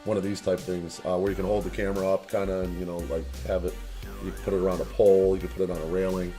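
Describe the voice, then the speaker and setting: A young vlogger and online business owner from the Chicago area talks casually to camera in a fairly low, dark, level voice at a quick pace. He rambles, restarts sentences, fills gaps with "uh" and "you know," and asks viewers for advice, with faint music behind him.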